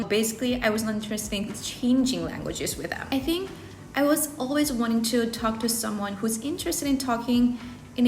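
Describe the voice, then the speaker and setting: A South Korean woman whose first language is Korean gives earnest personal advice to camera in English, often rephrasing herself mid-sentence. She creates English-learning videos, and her slightly high voice comes with slight background noise, a roomy echo, and faint music.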